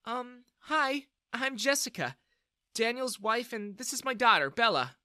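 A kind, apologetic middle-aged mother in a narrated story, speaking softly and gently, as a male narrator puts her on. The voice is raised well above his own, bright and lively. The sound is dry and close. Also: very high-pitched, a little slow, no room sound, voice pushed up, full character voice. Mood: gentle.

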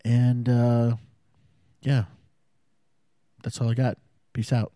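A man's voice: medium pitch, completely flat delivery, slow, mellow, no echo, clean studio sound. A man hosting his own podcast, rambling casually with lots of fillers and the odd swear word, his voice a little thick from allergies. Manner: rambling, loose and profane, many fillers. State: congested from allergies, slightly thick voice. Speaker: podcast host. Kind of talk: casual solo podcast monologue. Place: small home studio.

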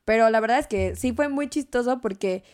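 A young woman tells a story in casual conversation. Her voice sits a little high, and she keeps it animated, laughing often and acting out what people said. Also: a little fast, smooth. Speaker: guest.

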